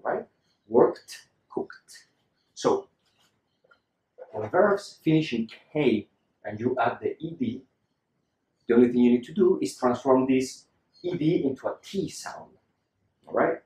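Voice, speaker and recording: A man's voice: mid-range voice, animated, measured pace, long pauses, a little mellow. Man teaching English pronunciation in a roomy space. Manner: patient, repeats words for the learner to copy. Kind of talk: lesson.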